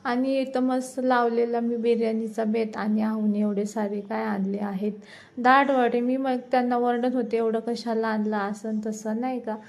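A woman's voice: a little high, level tone, moderate pace, a little mellow. A woman, chatting casually through a home cooking vlog in her kitchen and showing viewers each step. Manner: chatty, shows things to viewers as she cooks. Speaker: vlogger.

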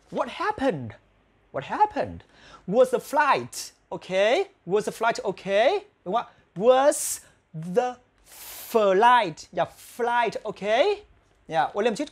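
Vietnamese man slowly modeling English phrases. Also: high-pitched. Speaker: English teacher. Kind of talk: pronunciation lesson.

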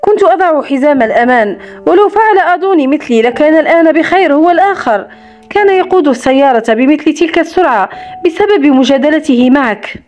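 A woman's voice: high voice, lively intonation, quick pace. A woman voicing a tense, guarded young heroine in an audiobook romance, reading her lines expressively. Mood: sharp. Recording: slightly dull recording with soft music.

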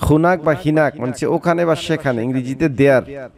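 Man, language teacher, slightly higher pitch, slow repeated words then meanings. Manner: repeats each word slowly, then gives its meaning. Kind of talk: vocabulary lesson.

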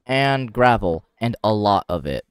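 A man's voice: on the low side, very animated, measured pace, smooth, no room sound. A man chatting casually while playing a game with friends, often reading item names aloud in a playful way. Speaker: gamer. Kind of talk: casual gaming chat.

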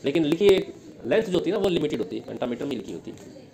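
A man with an Indian accent giving an exam-prep lesson, asking questions and answering them himself, reading English lines slowly. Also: on the high side, sing-song, creaky, a little mellow, low-quality recording. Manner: explains in Hindi, reads English lines slowly. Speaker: teacher.

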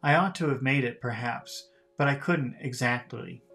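A man's voice: medium pitch, normal speed, vocal fry, fairly bright tone, soft background music. A man reading an audiobook, voicing a kindly, flustered female servant in a raised, breathless, emphatic voice. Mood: anxious, coaxing.

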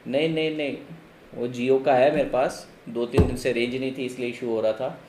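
A man's voice: mid-range voice, fairly even intonation, moderate pace, background noise. A man with an Indian accent, an online commerce tutor, chatting casually with students on a live class, reading out their names and comments in a teasing way. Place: home room, raining outside. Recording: roomy live-stream audio with faint ambience.

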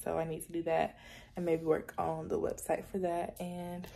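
A young woman chatting casually through a day-in-the-life vlog, relaxed and full of fillers. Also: lowish voice, moderate pace, vocal fry. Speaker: vlogger.

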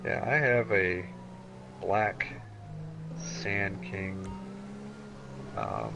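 A man's voice: low-pitched, very animated, extremely slow, vocal fry, music in the background. A man on police radio traffic, answering in terse radio codes and hesitating when he explains. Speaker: patrol officer in a police roleplay.

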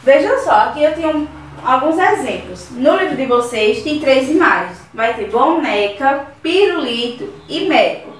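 Brief: Brazilian woman teacher, high voice, patient slow explaining, far from a distant mic. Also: lively intonation, slight background noise. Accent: Brazilian Portuguese. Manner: slow, careful explaining, repeating words syllable by syllable. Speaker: primary school teacher. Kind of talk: recorded remote class for children. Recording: very echoey room, voice from far off.

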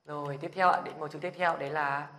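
With a slightly high, steady, bright voice, this man speaks briskly and forcefully. He teaches beginners a language, patiently confirming after every point that his viewers follow before enthusiastically drilling the sounds out loud.

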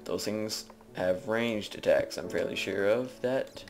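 Let's player, male, very low voice, loose jokey gameplay chatter into a desk mic. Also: a little slow, vocal fry, faint music behind. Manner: rambling, jokey self-narration. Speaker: video game let's player. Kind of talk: casual gameplay commentary. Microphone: desk microphone.

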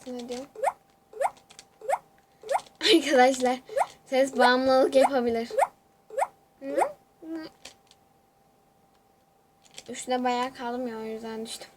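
Excitable young woman commenting on a game. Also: sits high, slow pace, pauses often, very noisy. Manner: excitable, chatty, talks to viewers while playing. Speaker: gamer. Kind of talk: casual gaming commentary.

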